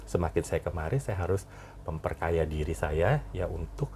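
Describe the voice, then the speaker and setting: A middle-aged man, a batik designer, talking casually as a podcast guest, relaxed and given to lively, laughing anecdotes. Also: deep voice, moderate pace, a little hiss or hum. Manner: relaxed storyteller who gets animated and laughs while telling anecdotes.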